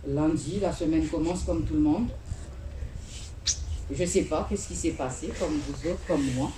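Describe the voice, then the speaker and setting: A woman giving an emotional spoken testimony at a memorial gathering, halting and searching for her words. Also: low voice, music in the background. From Central Africa.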